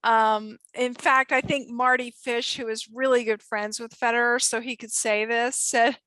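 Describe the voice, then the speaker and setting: A woman co-hosting a tennis podcast, chatty and animated, often laughing. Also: a little high, normal speed, no room sound. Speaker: podcast co-host. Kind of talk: casual podcast chat.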